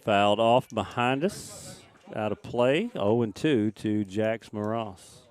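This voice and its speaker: Brisk male baseball play-by-play announcer. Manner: brisk, lifts in pitch and volume on big plays.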